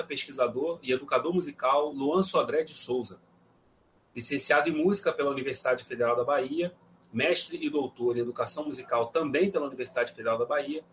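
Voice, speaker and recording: A man's voice: mid-range voice, fairly bright tone, a little hiss or hum. A man hosting a podcast, reading a formal introduction of his guest and then asking friendly questions. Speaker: podcast host.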